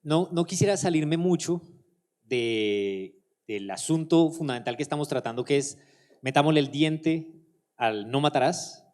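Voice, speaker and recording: A man lecturing at a conference, answering audience questions in a measured, explanatory way. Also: on the high side, lively intonation, darkish tone.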